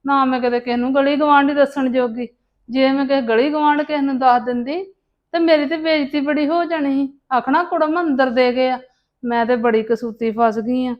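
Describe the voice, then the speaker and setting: A woman's voice: high-pitched, muffled recording, lightly acted. A woman playing a fretful, grumbling and demanding mother-in-law in a family drama. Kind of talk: dramatic monologue and phone dialogue in a family serial.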